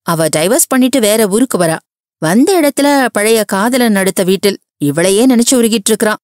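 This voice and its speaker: A woman voicing a lively, chatty female friend who talks in a raised, cheerful voice. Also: medium pitch, normal speed, no room sound, studio quality, close to an everyday voice. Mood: enthusiastic.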